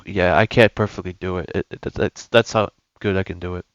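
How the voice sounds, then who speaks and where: A man's voice: sits low, steady tone, a little fast, lo-fi sound, a little hiss or hum. A young man giving casual, rambling gameplay commentary, often correcting himself as he goes. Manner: rambling, self-correcting, enthusiastic. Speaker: gaming YouTuber.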